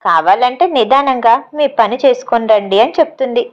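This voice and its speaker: A woman's voice: on the high side, moderate pace, natural voice. A woman voicing a confident young man who teases and scolds firmly, on a slightly dull recording. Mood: teasing firm. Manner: teasing, firm. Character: confident teasing young man, quick temper.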